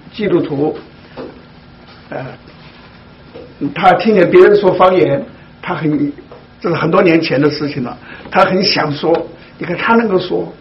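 Man, Bible study leader, high voice, slow deliberate teaching, many fillers, dull lo-fi recording. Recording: dull lo-fi recording, faint hiss.

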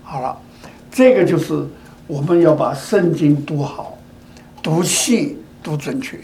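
A man's voice: on the high side, a little slow, gravelly, warm tone, slight background noise. An older man giving a sermon, speaking in repeated phrases and asking rhetorical questions such as whether the listeners agree. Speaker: preacher. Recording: echoey room.

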